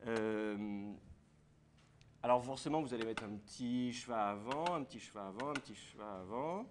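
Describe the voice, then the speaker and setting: Guy lecturing a class, mid pitch, asks the students stuff, faint hiss behind. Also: normal speed. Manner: explains step by step, asks the class questions. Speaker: teacher.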